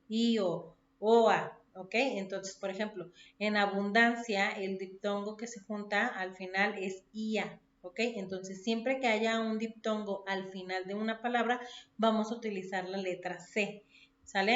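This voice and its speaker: A woman's voice: medium pitch, a bit bright. A woman teacher giving a recorded lesson, listing words one by one and checking in with her listeners after each point. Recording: dull echoey room recording.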